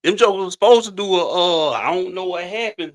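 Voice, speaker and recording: A man's voice: sits high, animated, a little fast. A middle-aged man co-hosting a podcast in casual chat, rambling and laid-back, often restarting his sentences. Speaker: podcast co-host.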